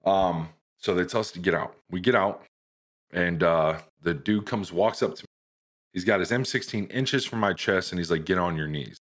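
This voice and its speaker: A young American man telling a profane, animated story to friends on a podcast. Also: low-pitched, normal speed. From United States. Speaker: podcast host. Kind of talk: casual storytelling among friends.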